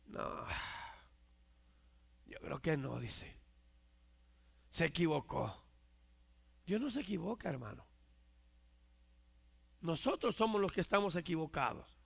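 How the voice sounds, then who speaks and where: A male preacher delivering a sermon, emphatic, swinging from loud declarations to hushed asides and often asking his listeners for agreement. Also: fairly high pitch, very animated, slow, gravelly, pauses often, husky. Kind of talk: Spanish-language church sermon.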